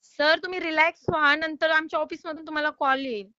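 A woman's voice: high voice, steady tone, fast talker, bright, forceful tone, no echo, lo-fi sound. A woman calling to collect a loan payment, polite but insistent and exasperated. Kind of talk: phone call.

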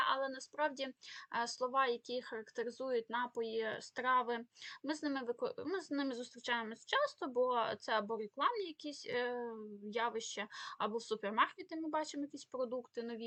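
A woman's voice: a little high, fairly bright tone, no echo. A woman teaching a spoken grammar lesson, explaining rules with many fillers and self-corrections. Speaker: Ukrainian language teacher.

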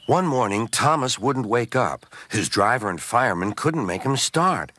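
A man narrating a children's train story in a gentle, expressive storytelling way. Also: medium pitch, normal speed, no room sound. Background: loud music.

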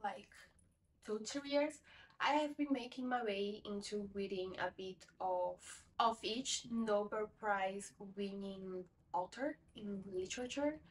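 The recording is rough and the mic distant, since the camera stands a short way from this young woman. She is a first-language Portuguese speaker from a Portuguese-speaking country, casually discussing a book at home among bookshelves. Her medium-pitched voice is slow, and she wanders and corrects herself.

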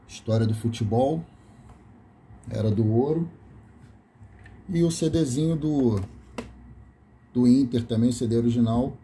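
Man, Brazilian accent, dark voice, reads labels one after another, light room hiss. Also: medium pitch, a little slow, long pauses. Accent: Brazilian Portuguese. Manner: reads tape labels aloud in a list, self-correcting. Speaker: video host showing a collection of VHS tapes. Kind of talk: casual off-camera commentary. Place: small room indoors.

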